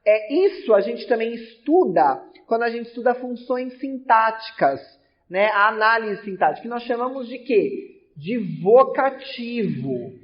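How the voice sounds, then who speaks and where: High-voiced male teacher, lo-fi lesson recording. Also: expressive, measured pace. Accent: São Paulo Portuguese. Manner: explains with repeated examples and checks in with the class.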